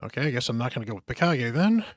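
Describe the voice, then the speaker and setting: Very animated and racing, a tired man with a mid-range voice streams a game on a dry, clean studio recording. He rambles through casual live-stream chat, muttering asides to his viewers as he plays.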